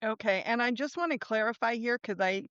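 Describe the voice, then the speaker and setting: A woman's voice: a little high, fairly quick, fairly bright tone, no echo. A woman hosting an interview, clarifying and summing up points for listeners. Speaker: interview host. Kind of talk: casual interview. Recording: dull, slightly lo-fi sound.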